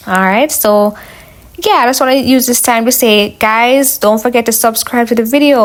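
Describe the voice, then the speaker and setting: Jamaican woman, casual cooking voice-over. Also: medium pitch. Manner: chatty, instructional, addressing viewers as guys. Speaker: home cook, video host.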